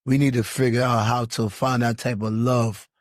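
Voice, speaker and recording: A man from Liberia hosts a casual panel podcast, speaking at a middling pitch in a dry, close-miked studio sound. He presses his points hard, doubling words as he goes. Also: level tone, normal speed, no echo. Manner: emphatic, repeats words while building a point. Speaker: podcast host.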